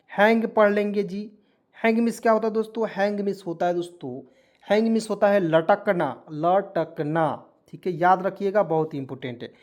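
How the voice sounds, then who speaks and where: Patient man teaching a video class. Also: sits high. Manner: repeats words and asks the viewers rhetorical questions; steady, patient classroom explaining. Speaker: English teacher. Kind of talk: online video lesson.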